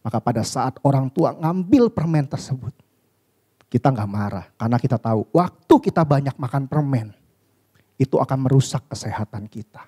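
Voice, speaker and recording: A man preaching a sermon in a church, constantly addressing the congregation and asking them rhetorical questions, with his voice jumping from loud, high emphasis to low, quiet asides. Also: lively intonation, moderate pace, slightly rough. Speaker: pastor.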